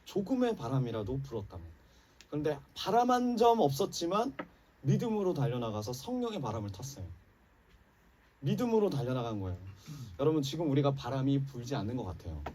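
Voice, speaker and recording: A man's voice: medium pitch, big pitch swings, a little fast, warm tone. Impassioned male pastor preaching from afar. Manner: impassioned preaching, rising and dropping emphatically, addresses congregation. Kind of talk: sermon. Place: church sanctuary. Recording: church sermon recorded from a distance.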